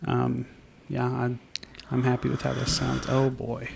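Young man, gravelly and flat-toned, rambling podcast co-host, light hiss behind. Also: mid-range voice, a little slow. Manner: easygoing, chatty, rambling with restarts. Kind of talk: casual chat. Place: home at night.

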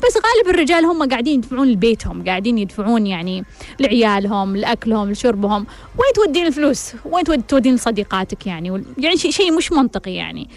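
Fast, blunt woman host. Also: on the high side, animated. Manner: blunt, full of rhetorical questions. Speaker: advice host answering listeners. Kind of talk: frank advice talk.

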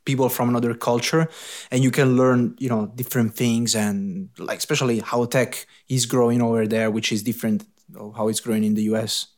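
A man's voice: mid-range voice, flat delivery, fairly quick, darkish tone. A man with an Italian accent hosting a casual interview, enthusiastic and hesitant, with many fillers and restarts. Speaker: podcast host.

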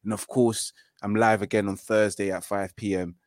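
A man with a fairly low voice talks casually, like a creator plugging his channels to viewers. The sound is close and dry. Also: flat delivery, normal speed, dry recording. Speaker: guest football content creator.

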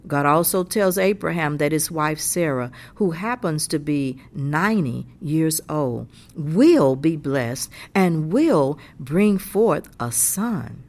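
A woman's voice: low-pitched, expressive, takes it slowly, few pauses, a little mellow. A woman giving a scripted devotional message in an earnest, encouraging way. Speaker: devotional speaker.

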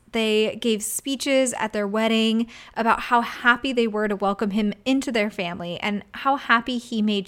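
Higher-voiced woman, true crime narrator.

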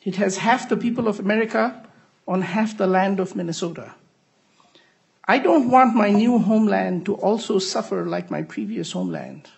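High, gravelly man from Bangladesh. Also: sing-song, moderate pace, darkish tone. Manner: earnest, formal speech. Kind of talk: legislative testimony.

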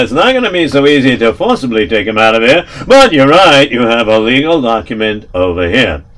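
A storyteller voices a shrewd old rabbi in a coaxing mood, calm and deliberate. The steady, mid-pitched voice seems to be the teller's own, and he takes his time, sprinkling in Yiddish words.

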